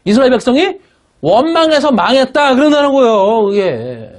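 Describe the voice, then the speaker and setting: In a church worship room, a pastor preaches a blunt, emphatic sermon, often asking the congregation "예?" to make sure they follow. His voice is very high-pitched with big pitch swings, at a normal speed.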